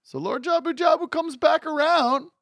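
A man co-hosting a podcast, chatting casually with quick joking asides. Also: extremely high pitch, fairly bright tone, no room sound. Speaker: podcast co-host.

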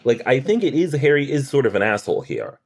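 A man's voice: medium pitch, very animated, quick pace, creaky, breathy edge. A man co-hosting a podcast, chatting and picking apart a TV episode with lots of restarts and quoted dialogue. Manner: chatty, analytical, many restarts and quoted lines. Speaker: podcast co-host. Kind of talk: casual chat recapping a TV episode.

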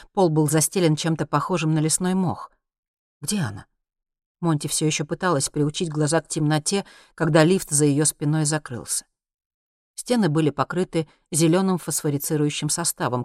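A man narrating a science fiction audiobook in a steady, even storytelling voice. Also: on the high side, dry recording, clean studio sound.

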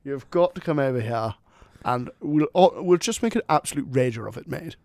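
A man's voice: sits high, wildly swooping pitch, very slow, breathy edge, no echo, voice pushed up, full character voice. A man putting on the voice of a boastful, posh young British party lad, brash and showy.

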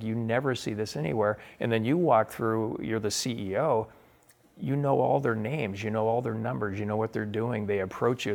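A man's voice: lowish voice, creaky. A middle-aged man, a guest author, answering interview questions in an earnest, enthusiastic way with frequent restarts.

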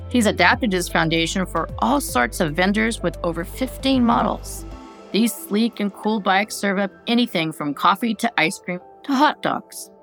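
A woman's voice: medium pitch, fairly bright tone. A middle-aged woman hosting a podcast, reading a polished, upbeat intro and interviewing a guest. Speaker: podcast host.

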